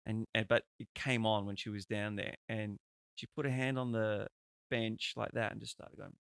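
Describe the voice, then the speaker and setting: A man's voice: on the low side, flat delivery, moderate pace, gravelly, clear, resonant tone, no echo, clean studio sound. A man, hosting a podcast in a chatty, rambling way and swearing freely. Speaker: podcast host. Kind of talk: casual conversational interview.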